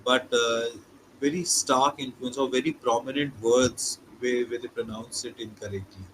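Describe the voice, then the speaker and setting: A man's voice: mid-range voice, steady tone, moderate pace, a bit bright, slight background noise, low-quality recording. A man from India with an Indian English accent, hosting a casual interview and often saying "okay" and repeating words. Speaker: host.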